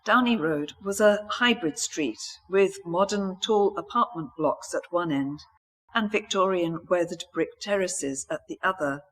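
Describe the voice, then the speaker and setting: A woman author reading a mystery novel aloud in a steady, even storytelling manner. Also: on the low side, unhurried.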